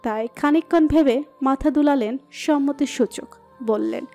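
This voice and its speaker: A woman narrating a romantic audio story in a steady, expressive reading. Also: sits high, unhurried. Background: soft background music.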